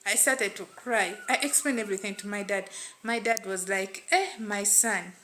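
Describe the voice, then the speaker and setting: A woman's voice: mid-range voice, moderate pace, bright, forceful tone, a little hiss or hum. A woman with a Ugandan accent telling a first-person story in a plain, repetitive way. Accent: Ugandan English. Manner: repetitive, plain retelling with "what and what" fillers.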